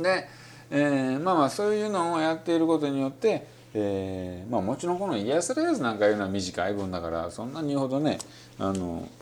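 Low gravelly Kansai-accented man. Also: slight background noise. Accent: Kansai Japanese. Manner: relaxed and rambling, many fillers; demonstrates English phrases in between. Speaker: English-learning podcast host. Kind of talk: casual spoken lesson.

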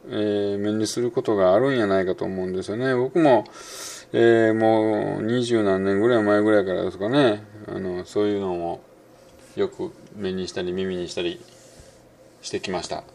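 A middle-aged man with a Kansai Japanese accent gives a casual spoken lesson on English pronunciation. He muses along with many fillers and slows right down to demonstrate words. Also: lowish voice, steady tone, creaky, a little mellow.

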